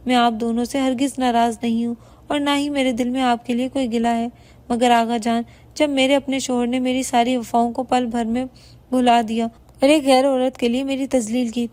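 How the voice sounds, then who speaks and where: A woman's voice: on the high side, level tone, a little mellow, close to an everyday voice. A woman voicing a wronged, dignified young wife and mother who speaks with restraint, in a storybook reading. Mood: respectful. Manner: bitter yet respectful, restrained.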